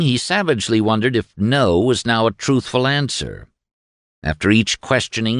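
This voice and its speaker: A man reading a novel aloud as narrator, in a grave, measured way. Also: fairly low pitch, a bit bright, no echo, clean studio sound. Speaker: audiobook narrator. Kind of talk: scripted narration.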